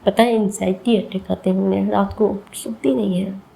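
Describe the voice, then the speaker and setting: A wounded young daughter in a storybook tale, blunt and protective of her mother, as a female narrator puts her on. Her tone is gravelly and mellow. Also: mid-range voice, steady tone, moderate pace, lightly acted, low-quality recording. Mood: pleading. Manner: blunt, pressing questions.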